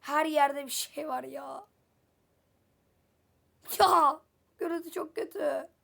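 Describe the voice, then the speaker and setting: A woman with a high voice runs casual commentary on her game, talking straight to her viewers. She is chatty and exclaims often, and gets flustered when trouble appears. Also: slow pace, creaky, fairly bright tone. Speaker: gameplay video creator.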